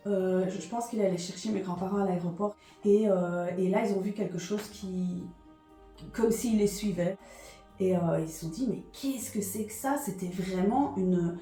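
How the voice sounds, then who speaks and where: A woman's voice: medium pitch, mellow, echoey room. A woman from Liège with a Belgian French accent, chatting hesitantly in a vlog, with lots of fillers and repetitions. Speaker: vlogger. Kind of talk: casual confessional chat.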